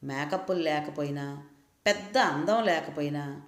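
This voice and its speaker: Woman narrator, low voice, even scripted story reading, roomy echoey sound. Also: unhurried. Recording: roomy echo.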